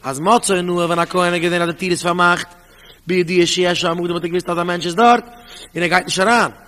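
A rabbi teaching a Talmud class in an animated style, with a fairly high voice. He reads out the source text, explains it and asks rhetorical questions. The recording carries a long, hall-like reverb. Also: fast. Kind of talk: Talmud study lecture.

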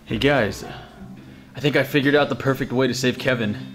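Quietly scheming conspirator played by a man, amateur comedy, average pitch, prominent guitar music underneath. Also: normal speed, close to an everyday voice. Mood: secretive. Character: calm, scheming conspirator planning a rescue. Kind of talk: amateur comedy sketch acting. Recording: home recording under loud music.

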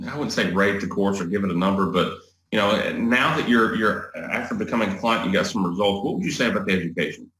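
A man's voice: lowish voice, a bit bright, reverberant, a little hiss or hum, low-quality recording. A man interviewing a client over a video call, asking upbeat but rambling questions. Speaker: interviewer for the coaching company.

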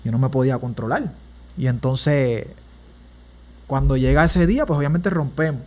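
As a podcast guest in a relaxed interview, a young Puerto Rican man recounts his own story with earnest emotion in his Puerto Rican Spanish accent. His medium-pitched voice has a darkish tone and a moderate pace.

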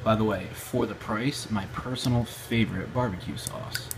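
Speaking at a normal speed in a fairly low voice, this amateur cooking show host narrates his home-kitchen vlog in a relaxed, joking way. The audio comes from a handheld phone or camera and is noisy.

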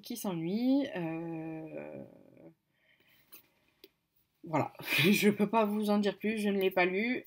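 Woman book vlogger, slightly low voice, chatty and halting, corrects herself often. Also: a little mellow. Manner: hesitant, many fillers and self-corrections; apologetic about pronunciation. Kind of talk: casual book haul chat.

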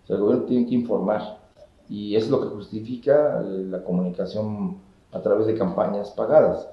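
A middle-aged man from Mexico, a government communications official, giving steady, explanatory answers in an interview, building his points as lists. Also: on the low side, normal speed. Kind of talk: measured political interview answers. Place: indoor office with wooden cabinets. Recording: roomy, slightly dull office sound.

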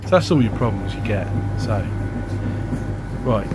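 A man's voice: fairly low pitch, animated, a little slow, background noise. A man explaining appliance repair in a casual, chatty how-to style, blunt and jokey, with a sarcastic streak.

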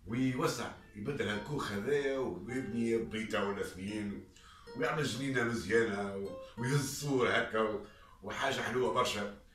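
A middle-aged man with a Tunisian Arabic accent telling a folk tale like an Arabic café storyteller, theatrical and expressive, with drawn-out words and dramatic pauses. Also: on the low side. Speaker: traditional storyteller (hakawati). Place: living room at home, indoors. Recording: roomy, distant mic, music behind.

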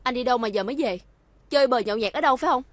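An actress playing a jealous, sharp-tongued young fiancée, needling and confrontational. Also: female voice, a little high, racing, dry recording, natural voice.

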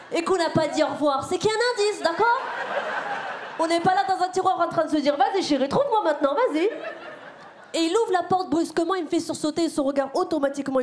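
A woman performing a stand-up comedy set on a theater stage, talking to the crowd in an animated, slangy way. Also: high-pitched. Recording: live theater with loud crowd noise. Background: audience laughter.

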